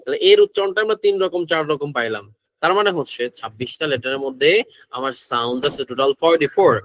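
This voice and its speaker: A man's voice: medium pitch, fairly quick, fairly bright tone, no echo, poor audio. A man with a Bangladeshi accent, teaching an English pronunciation class who mixes Bengali with English phrases and keeps asking his students questions. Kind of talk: online class lecture.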